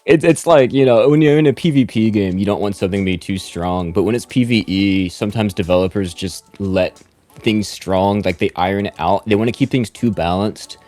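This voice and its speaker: Low-voiced man ranting about game development. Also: a little fast, dry recording. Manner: loose, rambling, slips into animated rants. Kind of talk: casual co-host chat about game development.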